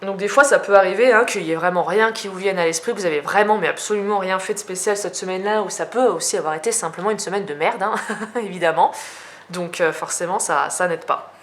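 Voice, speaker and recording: A woman's voice: lowish voice, fast talker. A young French woman chatting casually as she shows her journals, talking with many fillers and restarts. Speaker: journaling vlogger. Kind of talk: casual show-and-tell.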